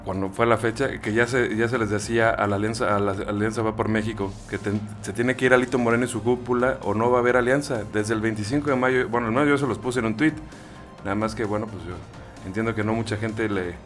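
A man hosting a casual political chat, quick and hesitant with many fillers. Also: on the low side, steady tone, a bit bright, soft background music. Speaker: political commentary host.

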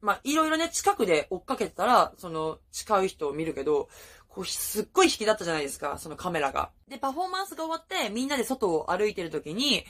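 A young woman chatting casually as a fan vlogger, gushing about idols with many fillers. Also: fast talker. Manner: chatty, gushing, lively rises in pitch. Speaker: idol fan YouTuber. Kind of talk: casual fan talk, reaction vlog.

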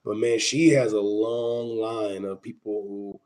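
A man hosting a casual sports panel discussion, speaking haltingly with repeated and restarted phrases. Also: lowish voice, fairly even intonation, darkish tone. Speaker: panel host.

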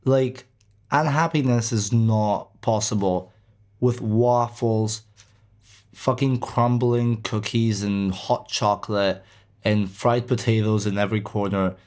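A man's voice: on the low side, steady tone, takes it slowly, darkish tone. A man from Greece hosting a music show, chatting casually between songs in a rambling way, with lots of fillers and casual swearing. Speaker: radio show host.

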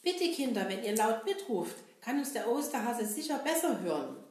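A woman voicing Kasper, a cheerful, brave male puppet hero who talks straight to the children in a lively, sing-song way. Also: on the high side, normal speed. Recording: roomy echo.

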